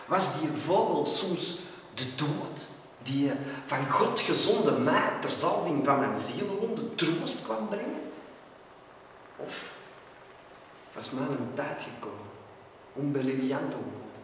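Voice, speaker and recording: Slow theatrical reciter with Antwerp accent. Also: male voice, fairly high pitch, animated, slight background noise. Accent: Antwerp Flemish. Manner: theatrical, drawn-out, dropping to hushed tones. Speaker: poetry reciter. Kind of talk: dramatic poetry recital. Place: outdoors at a theatre entrance. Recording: echoey, distant, long reverb.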